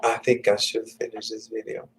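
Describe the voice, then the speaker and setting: A man in a casual, rambling vlog monologue, halting and meandering with many restarts, sometimes dropping to a muttered whisper. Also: fairly low pitch, monotone, a little hiss or hum, rough recording. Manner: drops to muttered, whispered asides. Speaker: vlogger.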